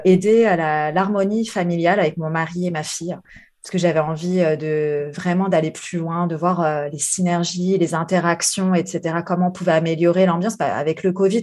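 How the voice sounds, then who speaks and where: A woman's voice: lowish voice, a little mellow. Frank, reflective woman life coach. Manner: many fillers, reflective and frank. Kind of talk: casual podcast interview.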